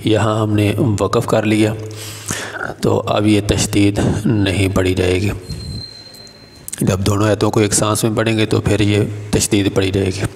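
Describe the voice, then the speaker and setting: A man teaching Quran reading step by step, naming letters and vowel marks and then slowly drawing out each syllable. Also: fairly low pitch, level tone, a little mellow, in a large hall, a little hiss or hum. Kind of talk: step-by-step recitation lesson.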